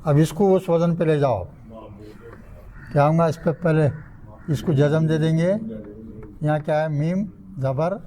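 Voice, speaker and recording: A man's voice: on the high side, long pauses, warm tone, slight background noise, rough recording. An older man from India, teaching a grammar class in a mosque. He quizzes his students and sounds out word patterns syllable by syllable. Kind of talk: classroom lecture.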